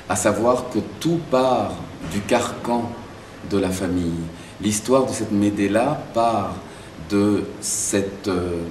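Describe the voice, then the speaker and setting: A man who grew up in Belgium and Zaire, answering interview questions about his work as a playwright in a thoughtful way, pausing and restarting as he searches for words. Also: on the low side, a little mellow, a little hiss or hum. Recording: echoey room, mic far off.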